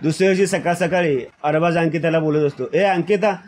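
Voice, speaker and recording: Guy narrating a show recap, kinda high pitched, steady and even. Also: quick pace.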